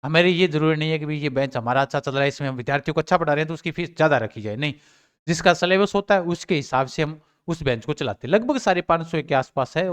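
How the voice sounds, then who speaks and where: Guy teaching exam prep, kinda high voice, smooth and clear, asks himself questions then answers. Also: fairly bright tone. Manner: asks his own questions and answers them, repeats points. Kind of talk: casual exam update talk to students.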